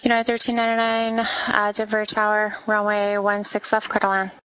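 A woman working as an air traffic controller on the radio, giving clipped procedural instructions in an even delivery. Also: moderate pace, clean tone. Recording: muffled low-fidelity radio audio.

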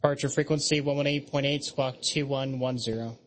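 A man's voice: medium pitch, fairly even intonation, brisk. A man working as an air traffic controller, giving procedural radio instructions.

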